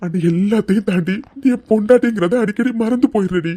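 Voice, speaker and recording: A devoted young husband in a cartoon love story, coaxing his wife one moment and breaking down the next. A performer gives him a mid-range, mellow voice. The sound is dry and close. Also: medium pitch, fast, no room sound, close to an everyday voice. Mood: crying. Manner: coaxing, then breaking into tears. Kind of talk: cartoon voice acting.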